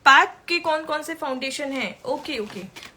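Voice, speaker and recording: A woman's voice: high-pitched, lively intonation, unhurried, sharp tone. A woman makeup artist teaching makeup in a chatty way during a live-stream tutorial, answering viewer questions as she works.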